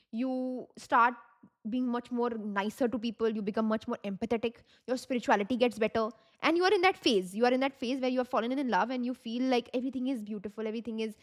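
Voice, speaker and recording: A woman's voice: on the high side, quick pace. A woman with an Indian accent gives an informal tarot reading, mixing Hindi phrases into her English and addressing the listener directly. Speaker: tarot reader and video host.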